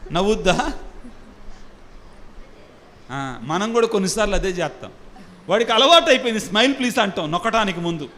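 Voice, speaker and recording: Brisk and expressive, pausing often, a priest with a high, bright, ringing voice delivers a call-and-response sermon full of questions for his congregation. He drops in English phrases among his own words, his voice trailing off into a long hall reverb.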